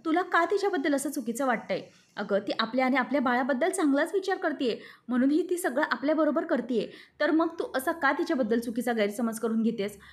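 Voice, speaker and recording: A woman reads out a young husband's lines from a TV-serial recap, pleading and earnest. The delivery is high and lifted, close to plain storytelling. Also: animated, fast talker. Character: young married man pleading with his wife.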